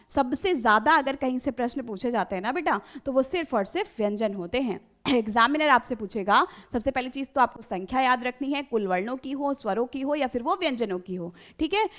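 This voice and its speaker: Woman teacher, high voice, repeats key phrases, quizzes pupils, addresses them fondly. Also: fairly bright tone. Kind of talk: exam-prep grammar lesson.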